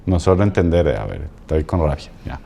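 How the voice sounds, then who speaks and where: A man guest coach talking in a halting way, repeating words and checking in with "¿no?". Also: a bass voice, big pitch swings, creaky, dark tone. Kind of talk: casual conversation.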